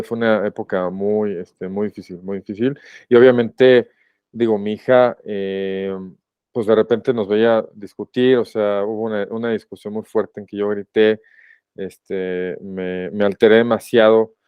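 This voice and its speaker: A man with a Mexican accent tells his own story as a podcast guest. His voice is low, smooth and resonant, and he speaks in a reflective, halting way, often stopping to rephrase. The sound is dry and a little dull, like a lo-fi recording. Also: no echo. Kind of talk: personal testimony in a podcast interview.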